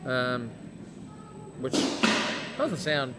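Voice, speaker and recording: An Australian man with an average-pitched voice co-hosts a casual podcast. He speaks colloquially and sounds easygoing. The delivery is plain, relaxed conversation. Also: drawn-out words, very noisy.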